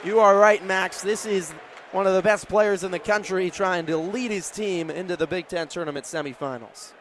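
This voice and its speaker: Calling a live basketball game on the radio from courtside in a big indoor arena, an American play-by-play man speaks at normal speed in a high, fairly bright voice. His phrases are clipped and descriptive, with the crowd, faint arena noise, and a bouncing ball in the background.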